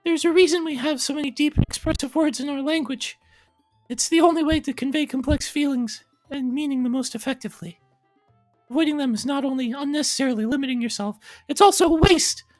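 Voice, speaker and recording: A man voicing a shy, bookish, elegant teenage girl in a visual novel reading, speaking softly in measured, formal phrases. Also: very high voice, dry recording, faint music behind, pitched above the performer's own voice. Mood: earnest.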